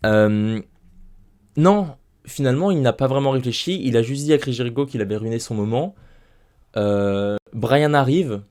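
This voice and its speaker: A man's voice: medium pitch, expressive, normal speed, a little mellow. Ranting young man recapping a show. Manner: emphatic, ranting, repeats himself. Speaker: wrestling recap youtuber. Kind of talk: casual spoken show recap. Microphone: desk microphone.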